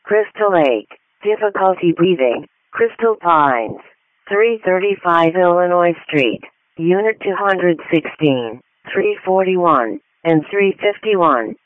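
Slow high-pitched male radio dispatcher. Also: lively intonation, no echo. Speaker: emergency dispatcher. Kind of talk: repeated clipped radio dispatch announcements. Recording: phone-like narrowband radio dispatch channel.

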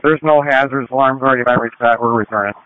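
A man's voice: mid-range voice, steady tone, fast talker, narrow, tinny audio. A man calling in on fire and ambulance radio with clipped, procedural phrasing.

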